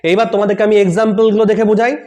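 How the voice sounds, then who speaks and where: A man's voice: high-pitched, level tone, racing, darkish tone. A man teaching English grammar in style, asking questions and answering them himself, often checking "yes or no". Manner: repeats key points, checks with "Am I clear? Yes or no?". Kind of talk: classroom-style grammar lesson.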